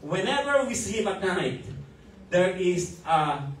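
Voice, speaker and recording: A man's voice: high-pitched, very animated, slow, a little hiss or hum. Filipino-accented male pastor, chuckling testimony preacher, recorded from afar in a reverberant church hall. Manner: switches between Filipino and English, chuckles often. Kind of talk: testimony sermon. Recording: echoey hall from far off.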